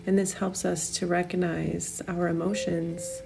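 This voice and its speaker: A woman leading a guided meditation, giving soothing, unhurried instructions with long pauses. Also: fairly low pitch, little pitch movement, gravelly.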